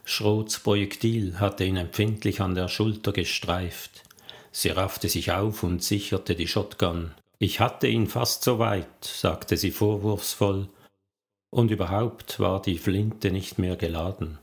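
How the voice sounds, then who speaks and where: A man narrating a crime novel in a steady, measured storytelling manner. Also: deep voice. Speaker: audiobook narrator.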